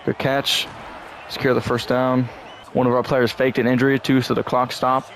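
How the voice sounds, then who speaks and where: A young man commenting on his own football game session, talking in an ordinary mid-range voice. He swears freely and jumps from flat play-by-play to loud, high-pitched outbursts when a play goes wrong. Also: normal speed, a little hiss or hum. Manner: frustrated, profane, swings into shouting. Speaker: gaming YouTuber. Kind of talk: gameplay commentary.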